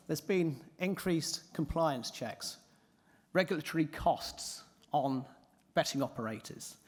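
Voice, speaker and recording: A man with a hoarse, croaky voice giving a prepared conference presentation. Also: mid-range voice. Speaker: conference speaker. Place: large echoing indoor hall. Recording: reverberant hall.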